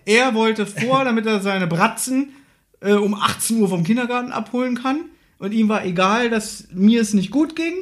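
A man's voice: sits high, animated, normal speed. Defensive man arguing his side. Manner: defensive, argumentative storytelling. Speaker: podcast co-host. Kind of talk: casual chat.

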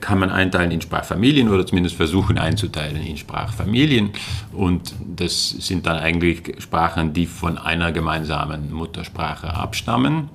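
A man with a deep, gravelly voice and a fairly bright tone gives casual interview answers as a guest, a linguistics lecturer. He is from the Netherlands, Dutch is his first language, and he speaks hesitantly with many fillers and restarts. There's slight background noise.

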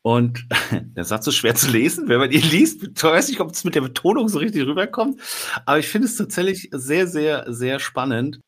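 A man's voice: fairly high pitch, big pitch swings, moderate pace, a bit bright, husky. A man in his forties hosts a casual podcast conversation. He speaks hesitantly, circling back with fillers and repeated words before landing his point. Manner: hesitant, many fillers and restarts. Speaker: podcast host. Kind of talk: casual interview chat.

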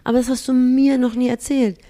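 A woman's voice: sits high, little pitch movement, a little fast, mellow. A woman co-hosting a casual podcast, teasing her partner and prodding him with questions. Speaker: podcast co-host. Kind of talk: casual chat.

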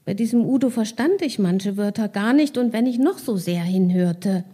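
A woman reading her own novel in calm, measured first-person narration, with casual asides in between. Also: mid-range voice, husky.

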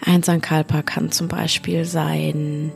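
A woman who is a podcast host and yoga teacher, guiding a sleep meditation in a soft, slow voice that often drops to a half-whisper. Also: sits low, level tone, creaky, soft background music.

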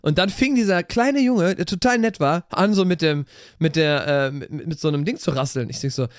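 Animated storytelling man, dry close mic. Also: on the high side, fairly quick, dry recording. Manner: animated storyteller acting out quoted dialogue. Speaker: podcast co-host. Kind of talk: casual chat.

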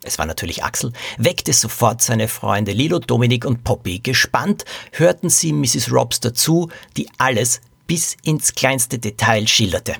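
A man narrating a detective story as host of a podcast, reading in a lively, animated way. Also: medium pitch, unhurried, vocal fry, few pauses, breathy edge, no room sound.

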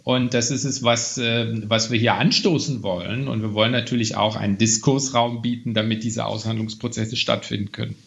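A man's voice: lowish voice, fairly even intonation, a little fast, vocal fry, few pauses, fairly bright tone, muffled recording. A man, a museum director, answering podcast interview questions thoughtfully with many fillers and restarts.

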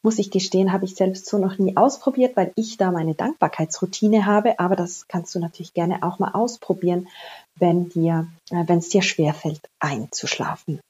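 A woman's voice: on the low side, normal speed, darkish tone, husky, muffled recording. A woman giving informal instruction on a breathing exercise, explaining in a personal way and addressing the listener directly.

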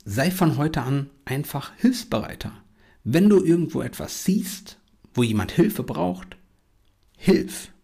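A man talks to his podcast listeners in an earnest, coaching way, repeating affirmations. His voice is husky and a little breathy. He speaks slowly and deliberately. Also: fairly high pitch, sing-song, mellow. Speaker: podcast host. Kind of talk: motivational podcast monologue.

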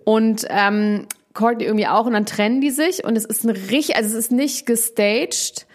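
A young woman talks as a podcast host, spinning a gossipy story in an animated, slang-heavy way. Her casual swearing keeps the chat loose and informal. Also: a little high, moderate pace.

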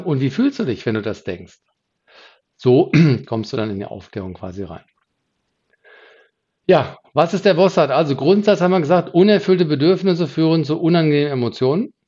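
A man's voice: medium pitch, a little mellow, slightly rough, dull audio. A man hosting a podcast, explaining emotions in a solo teaching talk. He rises and drops his voice often and restarts sentences as he thinks. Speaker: podcast host.

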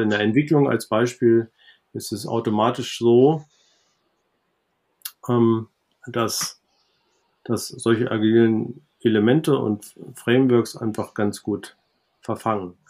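A man talking as a podcast guest in a relaxed interview, thinking aloud with many fillers and restarts. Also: lowish voice, unhurried. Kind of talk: conversational interview.

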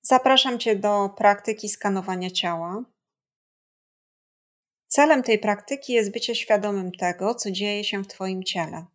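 Slow, gentle woman guiding a meditation. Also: medium pitch. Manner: gentle, calm, soothing, measured delivery with long pauses. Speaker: meditation guide. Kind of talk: guided body scan meditation narration.

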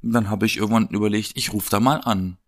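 A man's voice: on the low side, steady tone, fast. A man co-hosting a podcast, telling a story casually and animatedly, swearing now and then. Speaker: podcast co-host.

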